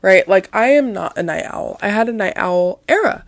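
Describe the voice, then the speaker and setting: A young woman with a cold, hosting a solo podcast in a nasal, softened voice, talking in an encouraging, rambling way with many "you know"s. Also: mid-range voice, expressive, normal speed, no room sound. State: sick, nasal voice. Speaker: podcast host.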